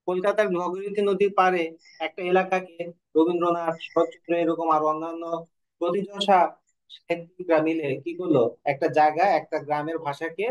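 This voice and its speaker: A man's voice: high voice, poor audio. A man teaching an online class, asking questions and answering them himself, sometimes correcting himself. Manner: corrects himself mid-sentence. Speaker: Bengali teacher.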